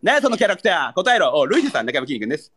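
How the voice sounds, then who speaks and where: A man's voice: on the high side, very animated, racing, fairly bright tone, slightly rough. A young man with a Kansai accent, a livestreamer bantering in mock anger and pleading with viewers for gifts. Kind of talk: live-stream battle banter.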